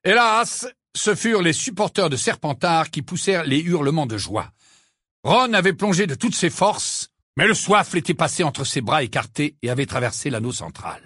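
A man narrating a novel for an audiobook in a high, bright voice. His reading is lively, with a lot of pitch movement. It is recorded close on a dry studio mic. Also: normal speed, husky, dry recording. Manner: expressive storytelling reading. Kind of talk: scripted narration.

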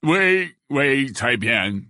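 A man's voice: high-pitched, expressive, unhurried, fairly bright tone, dry recording, voice pushed up, full character voice. A man voicing a reluctant old wizard in a painting, with a fluty voice and a drawling, grudging manner. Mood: weary. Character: reluctant old portrait wizard, weary and fussy.

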